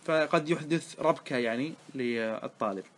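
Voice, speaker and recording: A man teaching a grammar lesson. He explains a classical poem line by line, asks his listeners questions and answers them himself, and slows down to quote the verses. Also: medium pitch, fairly bright tone.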